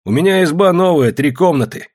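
A man voicing a rough, excitable peasant man who shouts in rustic colloquial speech. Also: medium pitch, moderate pace, pitched above the performer's own voice. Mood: excited loud.

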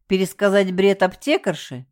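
A woman's voice: mid-range voice, moderate pace, darkish tone, pitched above the performer's own voice, lightly acted. A woman doing an icy, scolding female manager. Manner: cold, threatening, scolding.

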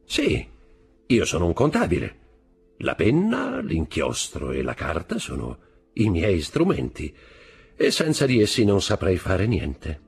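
A man's voice: low voice, huge pitch swings, a little slow, gravelly, husky, faint music behind, full character voice. A man reading aloud voices a sly, scheming male accountant who insinuates and plays innocent.

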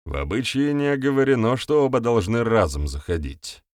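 A man's voice: medium pitch, very animated, brisk, no echo, studio quality, natural voice. A man voicing a nervous, lying male villager who whines and protests shrilly. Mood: sly.

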